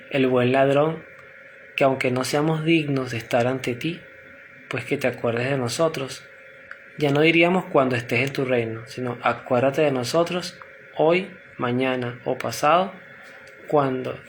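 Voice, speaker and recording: A man leading a spoken prayer and reflection, earnest and unhurried, speaking directly to God. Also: mid-range voice, slight background noise. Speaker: prayer leader.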